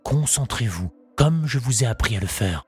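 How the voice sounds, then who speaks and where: A man's voice: medium pitch, lively intonation, normal speed, breathy edge, soft background music. A man voicing a commanding, scornful aristocratic baron in an audiobook, giving orders in an imperious, scolding tone. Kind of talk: audiobook character voice.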